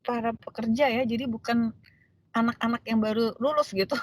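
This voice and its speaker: A woman lecturer telling a personal story to her class in a lively way, acting out the voices of the people in it, with many fillers. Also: on the high side, normal speed, dry recording, soft background music, rough recording. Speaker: law lecturer.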